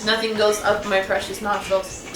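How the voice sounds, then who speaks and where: A woman's voice: medium pitch, little pitch movement, moderate pace. A woman chatting casually with friends, playful and wisecracking, as co-host of a video. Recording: roomy echo, distant mic, music behind.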